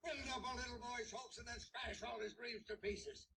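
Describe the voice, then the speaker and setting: A man's voice: very high voice, fairly even intonation, moderate pace, creaky. A man voicing an outraged, accusing old grandfather in a silly amateur redub, recorded noisily and far from the mic. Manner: accusing, indignant. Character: outraged old grandfather defending a disappointed boy. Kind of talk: silly amateur fandub of a film scene. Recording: noisy, quiet, far from the mic.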